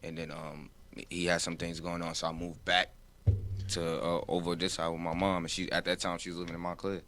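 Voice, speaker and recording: A man's voice: deep voice, level tone, a little fast, a bit bright, slight background noise. A rapper, chatting in a laid-back, rambling way, with a voice that sounds older than his age. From New Jersey, US. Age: 20s. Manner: laid-back, rambling, says "you feel what I'm saying". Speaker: rapper guest. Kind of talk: casual interview chat.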